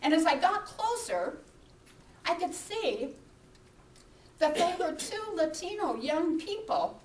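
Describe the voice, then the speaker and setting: A high, lively woman's voice tells a personal story from the pulpit, unhurried and full of swings from hushed to loud. She sounds a little distant in an echoey church hall with a faint hum behind her. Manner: animated, acts out her own frantic shouts and whispers. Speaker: minister. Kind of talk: sermon storytelling.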